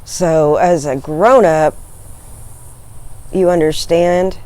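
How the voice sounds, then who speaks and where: A woman's voice: on the low side, fairly even intonation, very slow, dark tone. A woman speaking reflectively as an interviewee.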